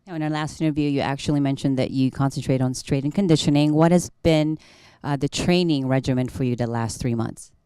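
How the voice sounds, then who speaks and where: Low, mellow woman reporter. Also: a little fast, smooth, no echo. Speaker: sports interviewer and reporter. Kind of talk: prepared broadcast interview questions.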